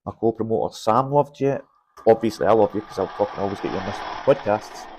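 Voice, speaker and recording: A Scottish man hosting a casual podcast chat, speaking haltingly and often repeating words as he goes. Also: on the low side, noisy background. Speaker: podcast host, show promoter.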